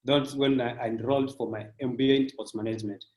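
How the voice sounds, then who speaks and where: A man in his thirties, working in sports business, speaking in a measured, reflective way with frequent fillers during a casual interview. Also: medium pitch, fairly even intonation, a little mellow. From Kenya. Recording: roomy echo.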